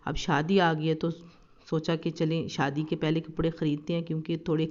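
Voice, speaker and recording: A woman with a low-pitched, slightly mellow voice narrates a family shopping and dining vlog at a moderate pace and level tone. This casual voice-over from a family lifestyle vlogger is chatty and homely, full of fillers, with a hint of sore throat. The lo-fi recording sounds slightly dull.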